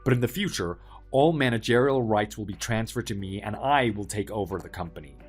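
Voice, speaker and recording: An actor playing a polite, helpful young office worker with quiet backbone, speaking in an earnest, measured way in a dramatized story. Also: male voice, lowish voice, lively intonation, breathy edge, faint music behind. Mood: calm, smug.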